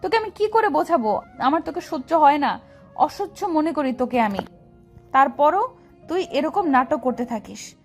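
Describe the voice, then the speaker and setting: A woman's voice: high-pitched, animated, moderate pace, soft background music. A woman voicing an angry young woman who harshly scolds and rejects the man pursuing her, in an audio love story. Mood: angry scorn.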